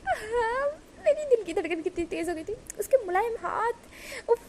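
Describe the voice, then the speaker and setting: A woman voicing an excitable young man who has just fallen in love, talking in a breathless, pleading way. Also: sits high, normal speed, slight background noise, lightly acted. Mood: lovestruck.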